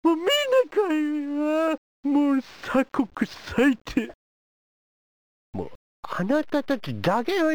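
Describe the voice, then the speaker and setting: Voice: medium pitch, darkish tone, no echo. A comedian doing a pushy, teasing foreign envoy. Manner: teasing, badgering the audience with rapid questions. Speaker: stand-up comedian. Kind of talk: comic character monologue.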